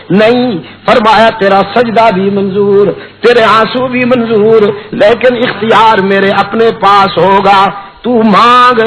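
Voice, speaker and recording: A man preaching a sermon before a live audience. He chants Arabic verses slowly and climbs into fervent cries. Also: high-pitched, fairly bright tone, low-quality recording.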